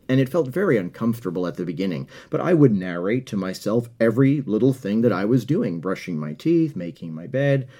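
A middle-aged American podcast host with a medium-pitched, darkish voice delivers an earnest motivational monologue. He often repeats words while searching for his phrasing.

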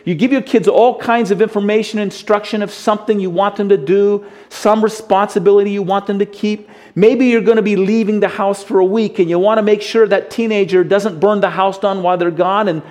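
A middle-aged man gives a radio Bible teaching in an earnest, unhurried way. His voice sits a little high for a man. He drives points home through repetition, sinking quiet, then rising again. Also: fairly even intonation. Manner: earnest, repetitive emphasis, varies volume for stress.

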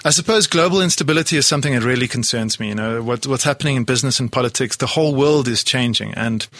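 A man's voice: medium pitch, quick pace, fairly bright tone, no room sound. Guy from poland chatting in an interview, rambly, keeps restarting, dry close sound. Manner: rambling, many restarts and fillers. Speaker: guest entrepreneur. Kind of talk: casual interview chat. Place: South Africa.

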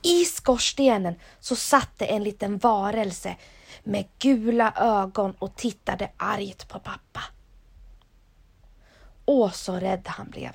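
A woman reading a children's story aloud, lively and expressive. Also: mid-range voice, vocal fry, slightly rough.

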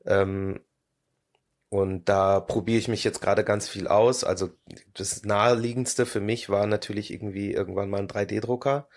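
Male podcast guest, lower voice, hesitant and reflective delivery. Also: fairly even intonation, normal speed. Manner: hesitant, many filler sounds, thoughtful. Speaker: guest, 3D illustrator. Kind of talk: casual podcast conversation.

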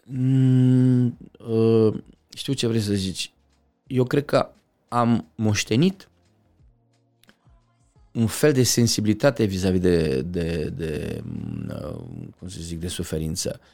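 A middle-aged man talking as an interview guest, passionate, swinging from loud outbursts to quiet reflection. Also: lowish voice, animated, creaky, faint music behind. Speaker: podcast guest. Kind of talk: conversational interview.

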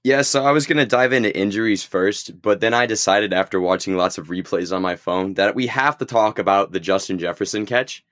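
A young man from Missouri with a light Midwestern accent, a guest on a sports podcast, joking and quick. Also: on the low side, fairly bright tone, dry recording, studio quality. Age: young adult. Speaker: guest analyst. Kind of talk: casual sports podcast chat.

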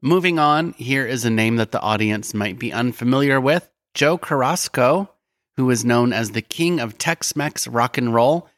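A man co-hosts a casual music podcast with a relaxed, friendly manner. His voice sits in a middle range. The sound is dry and close, with no room around it. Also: mid-range voice, moderate pace, dry recording. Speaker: podcast co-host. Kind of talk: casual chat.

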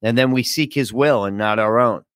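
A man's voice: medium pitch, moderate pace, a bit bright, clean tone, dry recording. A man pastor teaching a daily Bible study podcast in a casual, conversational way with many fillers, his voice groggy.

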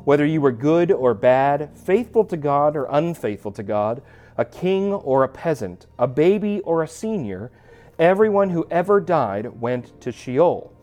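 A man preaching a sermon as a pastor, telling a personal story in an animated, conversational way. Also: on the high side, a little slow, soft background music.

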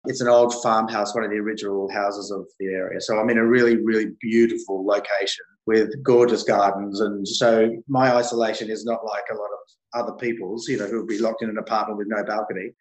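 A man's voice: fairly low pitch, level tone, fairly quick, roomy sound, low-quality recording. An Australian man chatting expressively as a guest in a casual interview.

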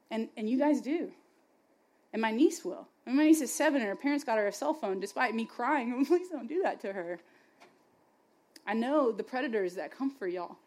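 A young woman preaching to a youth crowd in a chatty, passionate way, leaning on "like" and "y'all" between points. Her voice sits a little high for a woman, and she swings from soft asides to fired-up emphasis. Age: young adult. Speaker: speaker at a youth faith gathering. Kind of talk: conversational sermon.

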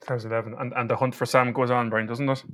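A man's voice: mid-range voice, level tone, very fast, a bit bright. A man with an Irish accent hosting a podcast in a chatty, bantering, conversational way. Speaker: podcast host.

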